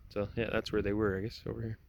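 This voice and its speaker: A man's voice: lowish voice, flat delivery, fast talker, creaky, slight background noise. A man chatting casually to the camera as he walks around his homestead, rambling with lots of "uh" fillers. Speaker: homesteader vlogger. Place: outdoors on a farm, then indoors in a house. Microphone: handheld camera.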